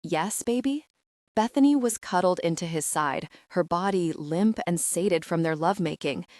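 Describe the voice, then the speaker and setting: Low-voiced woman narrating a romance. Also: a little mellow, no room sound, studio quality. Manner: measured and sensual. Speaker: audiobook narrator.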